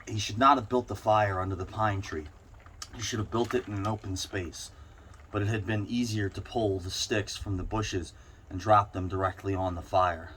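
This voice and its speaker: Low-voiced man reading a story aloud. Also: a bit bright. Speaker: reader. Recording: clear background noise.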